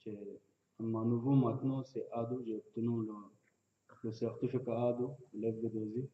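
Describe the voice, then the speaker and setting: Sudanese man speaking halting, broken French, echoey. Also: mid-range voice, little pitch movement. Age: 30s. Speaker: refugee giving testimony. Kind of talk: personal testimony at a public meeting. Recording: dull, echoey room, distant mic.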